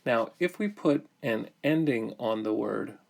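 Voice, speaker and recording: A man with an expressive, creaky, mid-range voice and a darkish tone teaches grammar. He lays it out step by step in slow, deliberate phrases full of pauses.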